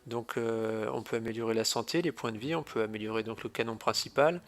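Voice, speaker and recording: A man with a stuffy nose from a cold, casually walking through a mobile game, pausing often with hesitant fillers. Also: medium pitch. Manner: hesitant, fills pauses with "euh". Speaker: gaming video host. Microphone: phone or tablet screen recording.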